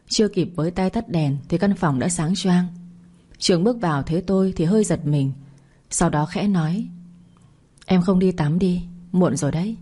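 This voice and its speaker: Woman storyteller for bedtime reading, breathy and warm, low voice. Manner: soft, steady first-person narration.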